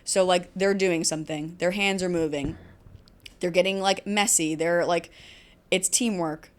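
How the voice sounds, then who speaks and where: Lively woman barbering teacher chatting. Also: lowish voice. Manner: animated storyteller, quick asides and laughs. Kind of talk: casual podcast conversation.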